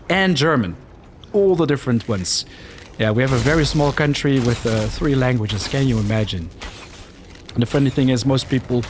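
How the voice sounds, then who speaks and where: Streaming a game live, the same kind of Dutch-Flemish-accented man from the Netherlands talks casually, responding to gameplay and reading out viewer comments. His voice is mid-range, with slight background noise.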